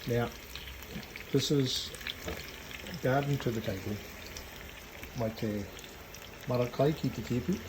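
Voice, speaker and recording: A man's voice: mid-range voice, slow, pauses often, background noise. A man with a New Zealand accent giving a casual, hesitant cooking demonstration at home, thinking aloud as he works. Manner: informal, hesitant, thinking aloud while working. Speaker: home cook presenting a cooking video. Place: home kitchen.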